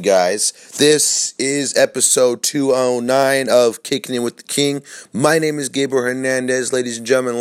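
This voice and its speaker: Hosting his own podcast, a young man chats casually and rambles on alone, swearing freely and restarting often amid many fillers. His voice has a medium pitch and sounds smooth, though scratchy from a sore throat.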